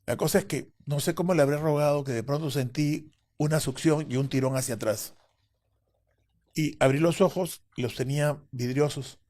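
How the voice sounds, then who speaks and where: A man's voice: on the high side, moderate pace, a little mellow. Man telling a vivid personal story. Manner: vivid, acts out the other voices. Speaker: interview guest.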